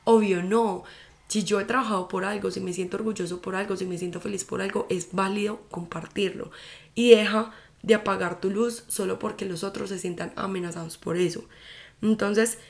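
Brief: young woman, solo podcast host, gravelly edge, conversational filler-heavy delivery. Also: mid-range voice, fairly even intonation, a little fast. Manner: chatty, fillers like "como que" and "o sea". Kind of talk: casual solo podcast talk.

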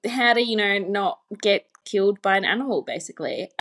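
A woman's voice: mid-range voice, a little fast, a bit bright. A woman from Australia co-hosting a podcast, chatting in a giggly, teasing way. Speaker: podcast co-host. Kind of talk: casual chat.

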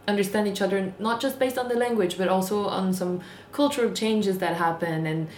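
A woman's voice: mid-range voice, fairly quick, a little mellow, slight background noise. A young woman co-hosting a podcast, talking earnestly in casual chat while losing her voice. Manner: earnest, talkative. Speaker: podcast co-host. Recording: echoey room with faint ambience.

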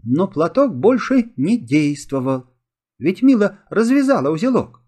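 A man's voice: sits high, sing-song, a little slow, darkish tone, breathy edge. A man narrating a children's filmstrip story, expressively.

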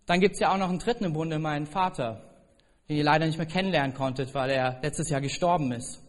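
Man preaching a sermon, raised voice. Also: a little high. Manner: personal storytelling that rises to loud, emphatic peaks. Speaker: pastor.

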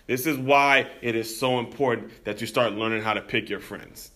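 A young American man hosts a podcast and tells a personal story in an earnest, reflective monologue. His voice is bright and forward. He speaks straight to his listeners. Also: medium pitch, normal speed. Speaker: podcast host.

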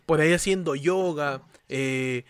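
Joking Peruvian man, high voice. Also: measured pace, a crowd in the background. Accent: Peruvian Spanish. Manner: rambling, laughs often, swears casually. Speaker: podcast host. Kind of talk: comic news chat.

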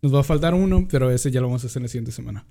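A man's voice: mid-range voice, racing, dark tone. A young man with a Mexican accent co-hosting a casual podcast chat, joking and crude. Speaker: podcast co-host.

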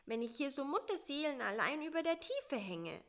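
A woman voicing a small, lonely, chatty male fly in a storybook reading, with a high, quick, plaintive voice. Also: big pitch swings.

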